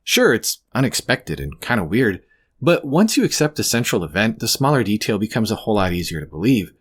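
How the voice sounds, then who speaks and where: Guy doing scripted youtube style commentary, kinda low voice that swings a lot, wry n sarcastic. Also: big pitch swings, fairly quick, slightly rough. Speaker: apologetics video host. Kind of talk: scripted video commentary, conversational.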